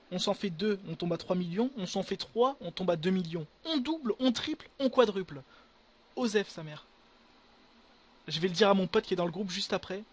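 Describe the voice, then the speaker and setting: A young man giving casual gameplay commentary to his viewers, excitable and full of crude slang. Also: sits high. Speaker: gaming video creator.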